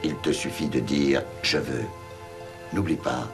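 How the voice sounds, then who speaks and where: Solemn genie servant, super deep voice, formal and commanding, dubbed movie, music behind. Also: male voice, measured pace, gravelly, full character voice. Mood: patient, formal. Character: solemn, servile male genie of the lamp. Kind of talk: dubbed film acting.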